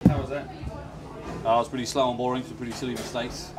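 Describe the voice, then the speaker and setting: A man's voice: mid-range voice, steady tone, fast, over loud music. A male head chef talking informally about kitchen work, blunt and matey. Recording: noisy kitchen background.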